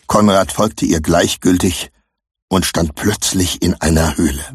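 A man reading a children's adventure story aloud with expressive scripted narration. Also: deep voice, breathy edge. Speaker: audiobook narrator.

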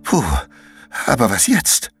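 A man's voice: slow pace, a bit bright, dry recording, faint music behind. A man voicing an anxious, bewildered schoolboy caught up in an adventure, flustered and exclaiming, with a sarcastic streak, in a storybook reading.

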